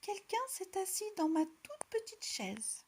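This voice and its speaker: A woman voicing a tiny bear cub, with high piping cries in a storybook tale. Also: sing-song, unhurried, full character voice. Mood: plaintive.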